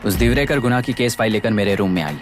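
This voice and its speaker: A man's voice: on the low side, fast, over loud music, lightly acted. An actor dubbing a stern, commanding new district collector who lectures his officers with cold authority. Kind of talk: dubbed film drama. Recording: film soundtrack with loud score.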